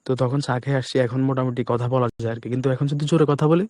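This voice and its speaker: A man with a hoarse, breaking voice teaching a live online class, keeping his voice soft to spare it. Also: medium pitch, dry recording. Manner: speaks deliberately softly to spare his voice. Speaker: trading instructor.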